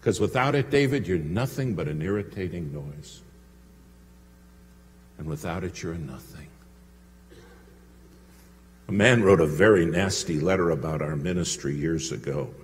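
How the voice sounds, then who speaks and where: Man preaching, low voice that swings widely, storytelling, asks the room questions; reverberant hall, faint hum. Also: lively intonation, a little slow, long pauses. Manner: storytelling with congregation asides. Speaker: pastor. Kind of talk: sermon. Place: church sanctuary.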